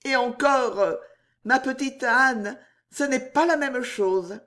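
A woman voicing an emotional young courtesan in an audiobook, heartfelt and impulsive, with her voice lifted higher. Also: lively intonation, slow. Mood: laughing. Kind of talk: audiobook character reading.

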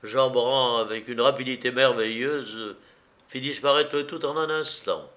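A man reading a novel aloud as a narrator, measured and deliberate. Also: medium pitch, fairly bright tone. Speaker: audiobook reader.

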